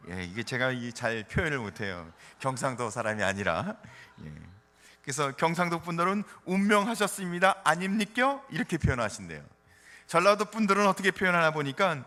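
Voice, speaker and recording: Lively middle-aged male pastor preaching. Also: on the high side. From Chungcheong, South Korea. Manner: animated preaching with rhetorical questions and gentle humor. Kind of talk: sermon. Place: church sanctuary. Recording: reverberant church hall.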